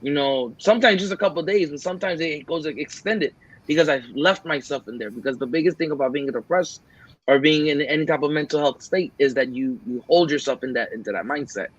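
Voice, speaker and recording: A man's voice: on the high side, a little fast, breathy edge, lo-fi sound. Earnest man rambling on a podcast. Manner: earnest, rambling, acts out his own quoted lines. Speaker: podcast co-host. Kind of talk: casual podcast chat.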